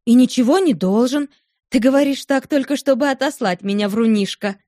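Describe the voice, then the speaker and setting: Woman reads wounded, wilful young wife, higher voice, dry close audiobook sound. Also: fairly quick, dark tone, no room sound, natural voice. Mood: playful, pleading. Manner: pleading, reproachful, playful turning angry. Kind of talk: audiobook character voice.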